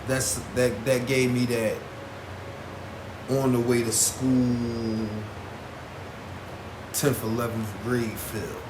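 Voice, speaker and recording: A man's voice: medium pitch, flat delivery, extremely slow, pauses often. A man giving casual vlog commentary as a host, in informal, slangy speech with emphatic repetition. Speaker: host reviewing battle rap artists. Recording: roomy echo with clear background noise.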